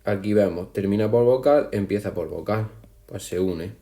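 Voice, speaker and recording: A man explains a lesson to his students in a slow, patient way, often counting things out aloud one by one. His voice sits low and sounds soft and mellow rather than bright. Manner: patient, counts syllables aloud slowly, addresses students directly. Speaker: language teacher. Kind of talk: classroom explanation over slides.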